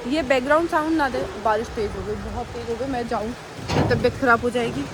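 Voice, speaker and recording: High-voiced woman vlogging over noise. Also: a little fast. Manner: speaks with care to keep from tripping over words. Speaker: animal rescuer running a shelter. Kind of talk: casual vlog to viewers. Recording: noisy phone recording with rain behind.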